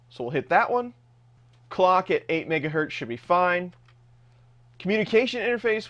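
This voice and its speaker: A man narrating a screen-recorded tech tutorial step by step in a casual, plain way. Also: sits high. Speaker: host of a 3D printing tech channel.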